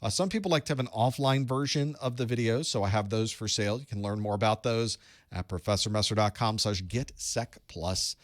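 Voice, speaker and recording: Hosting a live study group online from a home studio with electronics, a man chats, teaches and welcomes viewers with light humor. His voice is on the low side and a little fast, recorded dry.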